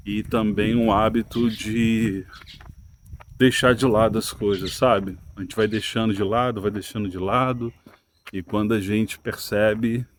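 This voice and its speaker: A channel host with a Brazilian Portuguese accent delivers a casual opinion monologue to camera, thinking aloud for viewers. His lowish voice is full of "né" and "tá" fillers and frequent questions. There's slight background noise.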